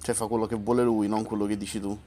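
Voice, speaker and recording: A man's voice: on the low side, little pitch movement, fast talker, warm tone, a little hiss or hum. A man giving casual, colloquial gameplay commentary with some mild swearing. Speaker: gamer.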